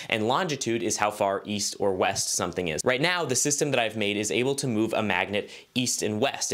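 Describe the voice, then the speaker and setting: A man's voice: fairly low pitch, a bit bright. A young man narrating his own electronics build in a casual vlog, explaining steps with an upbeat, jokey manner. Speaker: maker vlogger. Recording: music playing behind. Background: background music.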